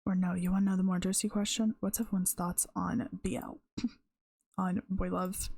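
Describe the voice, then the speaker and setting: Gravelly-voiced woman streamer chatting casually. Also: fairly low pitch, level tone, moderate pace, warm tone, no room sound, clean studio sound. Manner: rambling, chatty, self-interrupting. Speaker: live streamer. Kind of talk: casual live-stream chat.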